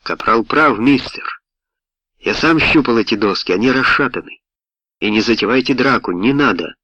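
A man's voice: medium pitch, lively intonation, normal speed, sharp tone, dry recording. A man reading aloud, voicing a loyal, stubborn soldier who speaks bluntly, on a dull, dry lo-fi recording. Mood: earnest. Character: loyal, stubborn male soldier, plain-spoken.

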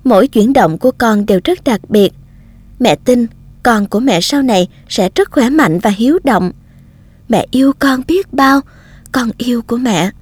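A woman's voice: fairly high pitch, animated, normal speed, husky. A woman voicing a loving young mother writing tender letters to her baby. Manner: tender, softly reading out letters.

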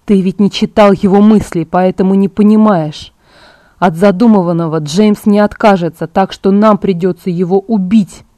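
A stubborn young male vampire barks short, clipped orders, as a woman reading a storybook puts him on. The tone is mellow and darkish, recorded close and dry. He sounds impatient and commanding. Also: mid-range voice, fairly even intonation, moderate pace, no echo, lightly acted. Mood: grim.

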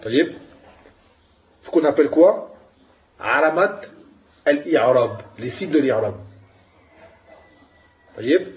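A man's voice: fairly high pitch, animated, takes it slowly, pauses often, muffled recording. A man giving an Arabic grammar lesson, explaining patiently and asking his students questions. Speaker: Arabic teacher.

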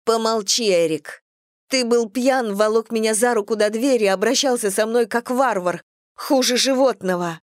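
A woman's voice: medium pitch, normal speed, dry recording, clean studio sound, natural voice. A woman reading a tearful, defiant young princess. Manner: tearful, accusing.

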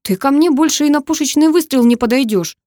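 A woman's voice: high-pitched, brisk, darkish tone, no echo, clean studio sound, voice pushed up, close to an everyday voice. A woman voicing a prickly young woman who grumbles, whines and snaps back in short, cross retorts. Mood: grumbling.

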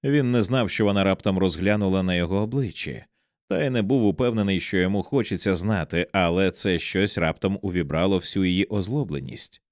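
Low-voiced male audiobook narrator. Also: fairly quick, no room sound, clean studio sound.

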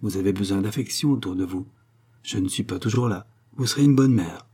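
A man's voice: on the low side, brisk, warm tone, breathy edge. A man voicing a pompous, self-satisfied aristocratic count who lectures at length. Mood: patronizing. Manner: grandiloquent, lecturing, full of himself.

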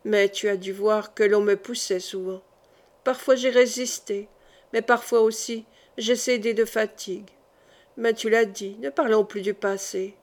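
A woman voicing a dying, weary king who speaks softly and confidingly in an audiobook reading. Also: steady tone, a little slow, natural voice. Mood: remorseful. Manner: soft, low-voiced confiding.

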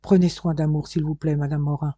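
A man's voice: fairly high pitch, level tone, a little fast, mellow, no room sound, lightly acted. A man voicing a worried young son in an audiobook, earnest and anxious.

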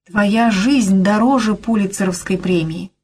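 A woman's voice: medium pitch, measured pace, darkish tone, slight background noise, natural voice. A woman voicing a frightened young woman who pleads and begs her lover not to go. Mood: desperate. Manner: desperate, pleading, tearful.

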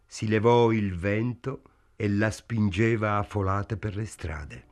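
A man narrating a novel as an audiobook in a measured, even literary reading style. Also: on the low side, over music.

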